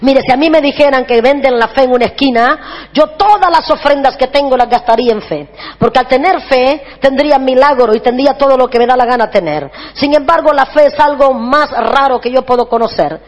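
A woman in her forties delivers a humorous sermon in a high voice. She tells lively stories and acts out children's shrieks along the way. The sound is dull and echoes through a large hall. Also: fairly quick. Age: 40s. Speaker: preacher.

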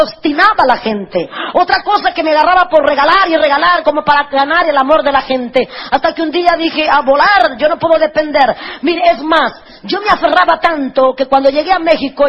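A woman preacher giving an emotional testimony sermon, telling her story with passionate outbursts. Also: sits high. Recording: dull lo-fi recording.

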